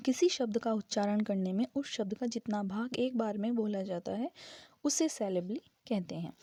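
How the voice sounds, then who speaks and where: A woman giving a casual spoken grammar lesson, explaining step by step and slowly spelling out syllables. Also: mid-range voice, mellow, slightly rough, no echo. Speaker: English grammar teacher.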